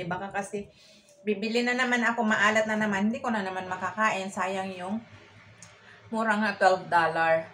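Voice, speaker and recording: Clear room noise sits behind a woman's mid-pitched voice with a Filipino accent. She chats casually to her viewers as an eating-show vlogger, chewing while she talks. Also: fairly bright tone. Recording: clearly noisy room recording.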